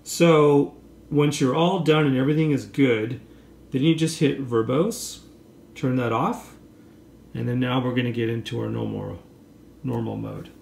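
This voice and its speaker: A man's voice: mid-range voice, fairly even intonation, measured pace, gravelly, darkish tone. A man presenting a casual hands-on tutorial in an informal, explanatory way. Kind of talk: casual hands-on product demonstration. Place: indoor room, at a table. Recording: roomy with faint background noise.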